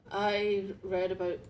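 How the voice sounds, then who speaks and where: A man's voice: sits high, a little hiss or hum. A young adult streamer chatting casually while playing a game, playful, laughing often and tripping over his words. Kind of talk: casual gaming stream chat.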